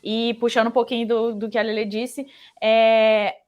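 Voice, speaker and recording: A woman's voice: a little high, flat delivery, normal speed, dull audio. A young woman on a career panel, reflective, thinking aloud with small restarts. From Brazil. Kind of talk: casual panel talk giving career advice.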